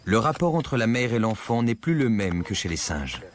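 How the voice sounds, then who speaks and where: A man narrating a scripted nature documentary in a measured, explanatory storytelling manner. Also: on the low side, big pitch swings, noisy background. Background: music.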